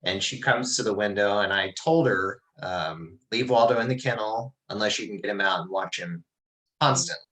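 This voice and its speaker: Middle-aged guy teaching on a video call, lowish voice but bright and punchy, thinks out loud, lots of restarts. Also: normal speed, rough recording. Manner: relaxed, reflective storytelling with many restarts. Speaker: class teacher. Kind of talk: informal class talk over a video call.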